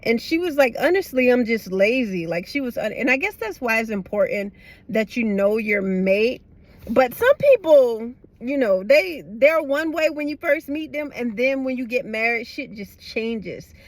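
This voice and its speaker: A middle-aged vlogger, tired and candid, rambles to viewers from a parked car using blunt slang, with a slight lisp from her retainers. She speaks at a fairly high pitch, expressive and unhurried, on a dry recording.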